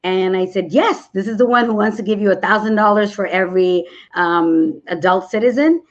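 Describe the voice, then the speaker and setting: A woman's voice: medium pitch, normal speed, muffled recording. A woman in her forties from New York City, a congressional candidate giving earnest, rambling interview answers with many restarts over a video call.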